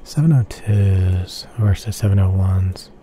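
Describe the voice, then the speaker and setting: In an unhurried, whispery tech explanation, this man goes over headphone measurements like an ASMR video. His low, very dark voice repeats words gently and keeps slipping into unvoiced whispers, while faint background noise lingers.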